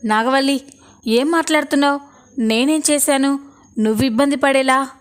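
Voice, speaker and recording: A woman's voice: high-pitched, moderate pace, natural voice. A woman reading a greedy scheming male villain. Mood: pleading innocence. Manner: harsh, threatening.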